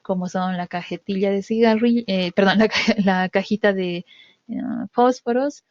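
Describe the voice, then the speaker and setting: A woman's voice: medium pitch, unhurried, no room sound, highs cut off. A woman demonstrating a test procedure step by step. She often checks in with "¿sí?", uses many fillers, and stresses key sounds. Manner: repeats "¿sí?" to check understanding, with frequent fillers. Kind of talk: instructional walkthrough.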